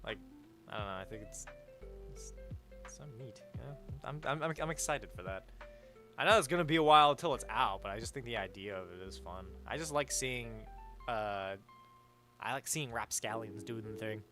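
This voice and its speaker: A man's voice: on the low side, animated, normal speed, over music. A man streaming a game live, chatting crudely and joking with his chat, reading donations aloud. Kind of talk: casual live-stream chat while gaming. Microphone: headset mic.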